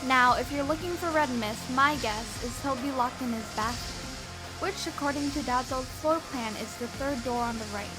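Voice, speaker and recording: A woman's voice: sits high, moderate pace, over music, lightly acted, poor audio. A woman voicing a foul-mouthed, fearless and bossy ten-year-old girl vigilante in a comic book dub, cocky and commanding. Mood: matter-of-fact.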